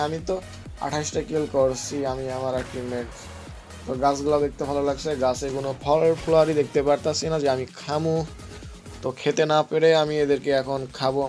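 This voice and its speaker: A man's voice: on the high side, a little mellow. Joking man commenting on gameplay. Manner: joking, teasing opponents, rambling. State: voice slightly hoarse. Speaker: gaming channel host.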